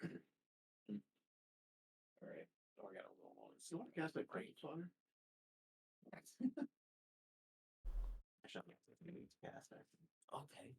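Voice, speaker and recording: A man's voice: a little high, slow, long pauses, low-quality recording. A man playing a tabletop game with friends, joking and laughing often as he talks from his home setup. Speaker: player. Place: home setup with a camera on a tripod.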